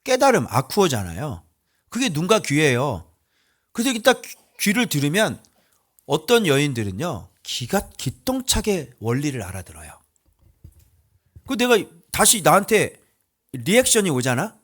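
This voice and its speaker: A male pastor preaching in a colloquial, emphatic way, often asking his listeners rhetorical questions, swinging between loud outbursts and low mutters. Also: huge pitch swings, normal speed. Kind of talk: sermon.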